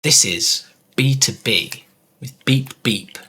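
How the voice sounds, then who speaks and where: A man's voice: medium pitch, animated, takes it slowly, pushed and bright, husky. A man from the UK co-hosting a casual reaction video, thoughtful and wry, often hedging his opinions. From United Kingdom. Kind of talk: casual chat.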